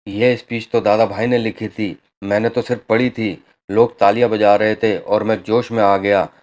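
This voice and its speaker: Boastful crooked cartoon villain, read by a man, low and flat, all grand promises. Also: moderate pace, natural voice. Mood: sheepish.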